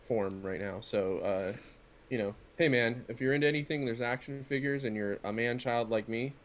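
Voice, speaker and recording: A middle-aged man, a podcast co-host who collects wrestling figures, chats casually and jokingly while unboxing on video. His voice is medium in pitch and moderate in pace, and he tends to ramble.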